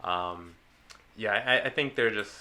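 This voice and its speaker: A man's voice: on the low side, a little slow, pushed and bright. A man speaking as a podcast guest in casual chat, laid-back and hesitant, often trailing off mid-thought.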